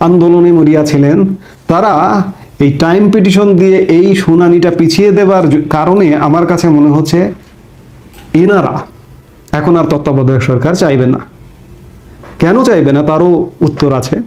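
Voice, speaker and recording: A man's voice: on the high side, moderate pace, pauses often, warm tone. A man giving a political commentary monologue, reading out court details and then arguing his own view.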